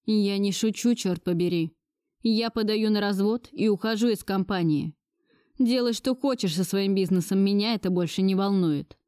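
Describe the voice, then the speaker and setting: A woman's voice: mid-range voice, moderate pace, dark tone, dry recording, studio quality, close to an everyday voice. A woman voicing a defiant young man who bitterly stands up to his grandmother. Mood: resolute. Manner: bitter, resolute outbursts. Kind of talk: audiobook dialogue reading.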